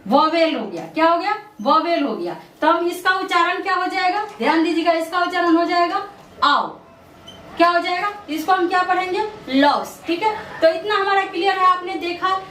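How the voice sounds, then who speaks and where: A high-voiced woman gives an English pronunciation lesson. She asks a question, then answers it herself over and over. She sounds a bit far from the mic, in a roomy echo. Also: expressive, normal speed, fairly bright tone, a little hiss or hum. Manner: repeats questions and answers them herself, lots of "theek hai". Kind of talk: classroom-style lesson explanation. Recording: echoey room, voice from a distance.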